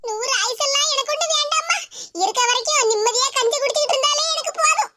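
A woman voicing a worried, soft-hearted elderly village grandmother with a Tirunelveli Tamil accent. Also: extremely high pitch, fast, very noisy.

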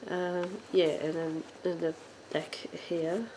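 A woman speaking slowly and a little low, talking through a vintage doll in a loose show-and-tell way. She hesitates often, filling gaps with ums and uhs, and coughs now and then. Faint room ambience sits behind her voice at home. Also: level tone, mellow, a little hiss or hum, rough recording. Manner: hesitant, many ums and uhs, halting phrasing; occasional coughs. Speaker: doll collector channel host. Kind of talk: casual show-and-tell narration. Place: indoors at home, on a sofa.

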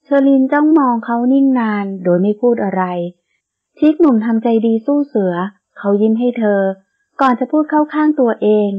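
A woman reads a romance novel aloud in a steady, smooth storytelling manner. Her voice sits on the high side, and the recording sounds dull and lo-fi. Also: normal speed. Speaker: audiobook narrator. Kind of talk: scripted narration of a romance novel. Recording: dull lo-fi audio.

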